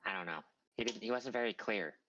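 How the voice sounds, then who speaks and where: A man's voice: on the low side, fast, sharp tone, muffled recording. A man playing a tabletop role-playing game, chatting casually and playfully in character.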